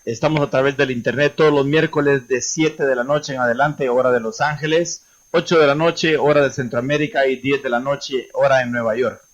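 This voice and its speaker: A man's voice: mid-range voice, steady tone, brisk, dull audio. A man hosting a radio show, introducing the language class in a formal announcer manner.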